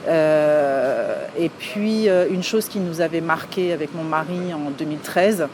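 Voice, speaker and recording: Woman, 40s, from France, interview guest; halting and full of fillers, lower voice, traffic audible behind. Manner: hesitant, many filler sounds and restarts. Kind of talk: casual interview answers. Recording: clear outdoor street noise behind.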